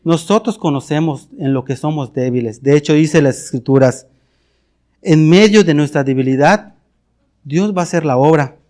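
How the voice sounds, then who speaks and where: A man's voice: fairly high pitch, moderate pace, darkish tone. A middle-aged man with a Mexican Spanish accent, preaching a confessional sermon in an earnest way, often repeating words and restarting phrases. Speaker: pastor.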